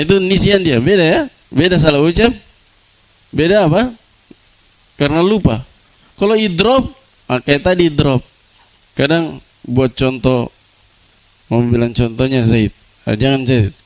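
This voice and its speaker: A man teaching Arabic grammar to a class, often asking rhetorical questions, answering them himself and repeating key words. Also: low-quality recording. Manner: repeats key words, drops to a low voice for examples. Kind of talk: classroom lecture.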